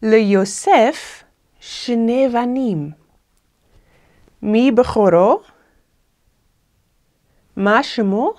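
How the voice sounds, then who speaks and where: Woman teacher, patient questions and repeated answers, slightly high voice. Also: long pauses, a little mellow. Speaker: language teacher. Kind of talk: slow repetitive language lesson.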